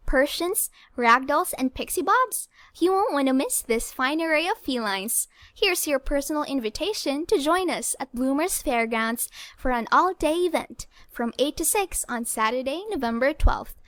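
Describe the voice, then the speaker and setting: A woman voicing a cheery female cat-show ad announcer in a small, high-pitched voice. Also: expressive, moderate pace, fairly bright tone, no room sound. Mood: upbeat.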